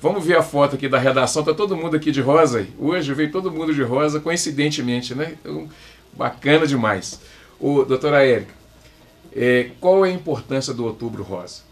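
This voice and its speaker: A man's voice: medium pitch, brisk. A man with a Brazilian accent hosting a talk show in a chatty way, asking questions and thanking his guests.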